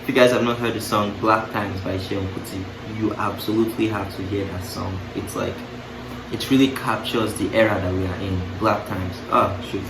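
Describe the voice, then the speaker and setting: A young adult male vlogger muses casually to camera in a reflective monologue, breaking off into playful asides with laughs and restarting his thoughts. His voice is fairly low and fairly even in intonation, at a normal speed, over music. The recording is roomy with a distant mic and clearly audible background noise.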